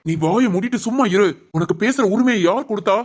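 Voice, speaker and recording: A woman's voice: medium pitch, expressive, a little fast, lightly acted. A woman voicing a strict, domineering middle-aged father who scolds his family in a cartoon family drama. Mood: stern.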